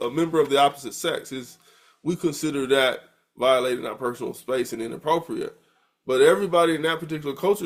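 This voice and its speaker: A middle-aged man from the United States giving a recorded university lecture in a conversational way, often repeating words as he thinks. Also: on the high side. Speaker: university professor.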